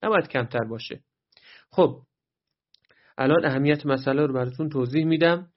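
A fairly high-voiced man gives a tajweed lesson, patiently breaking down each letter and sound. He stops often to chant words slowly as examples. The recording sounds dull and lo-fi. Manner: patient, explains step by step and models drawn-out recitation. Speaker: Quran recitation teacher.

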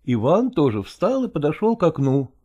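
A narrator reading a story aloud in a measured, expressive way, lowering the voice for narration. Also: slightly rough, dull audio.

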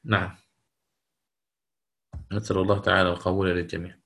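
A man's voice: deep voice, level tone, fairly bright tone. A middle-aged man teaching Quran recitation rules in a lecture, explaining step by step and stopping to check his students follow and to take questions. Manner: explanatory, pauses to check understanding and answer questions. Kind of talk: online lecture with recited examples.

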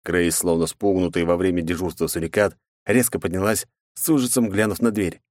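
A man narrating an audiobook in a steady first-person storytelling manner. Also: deep voice, brisk, no room sound, clean studio sound.

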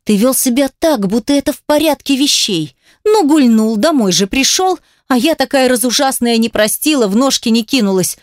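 A woman's voice: expressive, moderate pace, no room sound, studio quality. A woman voicing a hysterical, venomous woman who hisses and shrieks sarcastic accusations at her ex. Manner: shrill, hissing, sarcastic.

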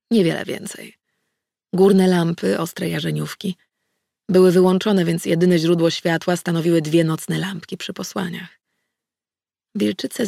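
A woman reading a first-person novel aloud as an audiobook narrator, in a measured, even manner. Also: fairly low pitch, gravelly, husky, dry recording, clean studio sound.

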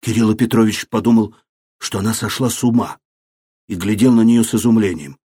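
A man reading a classic novel aloud as an audiobook, in a measured, expressive narration on a close studio mic. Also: on the low side, slightly rough, no echo.

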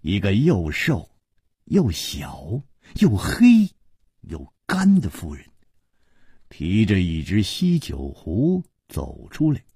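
A man's voice: on the low side, huge pitch swings, takes it slowly, warm tone, breathy edge, no room sound, clean studio sound. A male storyteller narrating a martial arts tale in a dramatic, vivid manner.

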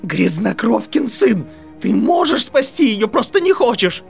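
A man reading an audiobook, voicing a desperate boy whose voice trembles as he pleads and shouts. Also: a little high, expressive, normal speed, soft background music, voice pushed up, natural voice. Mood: screaming. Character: desperate boy, son of prisoners.

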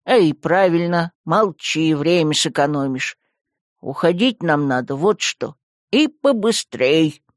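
A woman voicing a grumpy, rude male talking skull staff in an audiobook, gruff and scolding. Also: sits low, animated, slow, dry recording, studio quality, pitched below the performer's own voice. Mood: gruff, urgent. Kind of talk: audiobook character voice.

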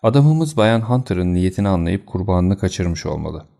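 A sharp, decisive detective gives brisk commands, as a man reads him. The voice is deep and dark with a gravelly fry. The manner is commanding and matter-of-fact. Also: animated.

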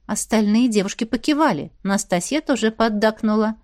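A woman's voice: a little high, normal speed, darkish tone, dry recording. Female audiobook narrator, light voice, dry booth. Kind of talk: scripted narration.

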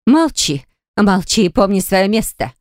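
A woman reads an audiobook, voicing a haughty, hysterical dragon woman who snarls and shrieks in fury at her brother's mate. Her shrill, hissing, snarling delivery has big pitch swings at a moderate pace, a slightly mellow tone, and a dry, studio-quality recording.

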